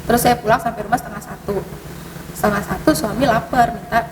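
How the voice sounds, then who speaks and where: A woman telling ghost stories in casual conversation, hesitant, with many fillers and sudden rises in pitch. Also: steady tone, fast talker. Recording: distant mic, echoey hall, noisy.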